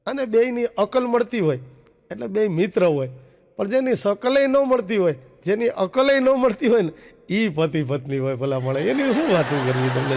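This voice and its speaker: High gravelly comedian telling jokes in a hall. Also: male voice, a little mellow. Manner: acts out the quoted husband and wife with raised voice. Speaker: stand-up comedian. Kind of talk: Gujarati stand-up joke telling. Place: stage show before an audience. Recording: long reverb of a stage hall.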